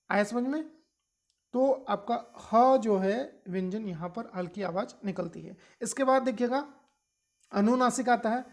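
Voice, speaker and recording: Woman teacher, fairly high voice, patient step-by-step grammar explainer who keeps checking understanding. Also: a little mellow. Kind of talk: exam prep grammar lesson.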